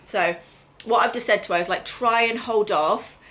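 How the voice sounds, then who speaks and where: This family vlog is hosted by a middle-aged English-accented mother whose voice is medium-pitched and sharp, at a moderate pace. Her talk is casual chat, full of explanations and tag questions.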